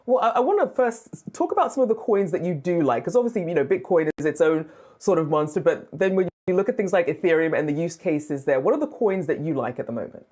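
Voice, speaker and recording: Woman, low voice, news anchor, polished, brisk, interviewing a guest. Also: expressive, warm tone.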